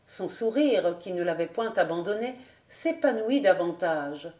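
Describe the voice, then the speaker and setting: A woman narrating an audiobook in a slow, measured, deliberate reading. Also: on the low side, lively intonation, darkish tone. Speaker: audiobook reader. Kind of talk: scripted narration. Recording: roomy echo.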